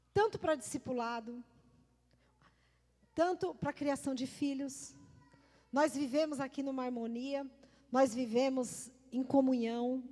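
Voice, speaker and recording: A middle-aged woman pastor with a high-pitched, mellow voice delivers an emphatic sermon in church, repeating key words and calling out to the congregation. The recording carries the long reverb of a church hall.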